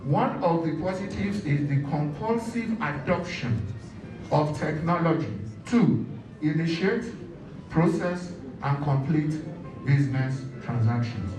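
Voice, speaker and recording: A man with a Nigerian accent giving a slow, formal speech as a government adviser. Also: on the high side, animated, reverberant, recorded from a distance, over music, poor audio.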